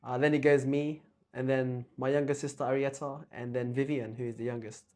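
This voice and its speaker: Soft-spoken young man, hesitant. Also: medium pitch, flat delivery, brisk. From Australia. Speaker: guest. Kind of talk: casual chat.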